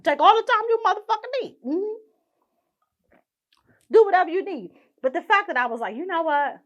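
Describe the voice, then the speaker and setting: A woman's voice: very high-pitched, lively intonation, moderate pace, muffled recording. A young woman hosting her own podcast, ranting indignantly and swearing constantly. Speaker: podcast host. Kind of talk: profane ranting monologue.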